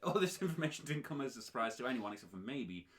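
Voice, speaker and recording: A man's voice: medium pitch, sing-song, quick pace. A man narrating as game master of a tabletop game, with a playful, joking delivery.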